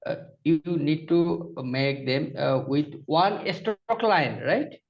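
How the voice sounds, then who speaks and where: Hesitant Bangladeshi man on a gravelly call. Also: fairly high pitch, expressive, slow. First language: Bengali. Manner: hesitant, many uhs and repeated yeses. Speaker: freelance graphic designer. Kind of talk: video call with a client. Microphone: video call. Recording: dull lo-fi video call audio.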